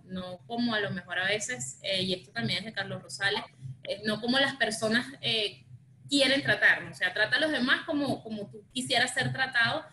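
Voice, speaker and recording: Bright-voiced woman teaching. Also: medium pitch, a little hiss or hum, rough recording. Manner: explanatory, many fillers and restarts. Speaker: director presenting a training session. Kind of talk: training talk on negotiation.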